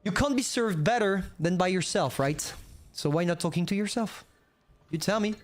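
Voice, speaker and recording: A young Frenchman with a French accent streams gameplay in a high voice at a normal speed, chatting casually with viewers and rambling to himself. The recording is noisy, and his glitchy mic keeps cutting out.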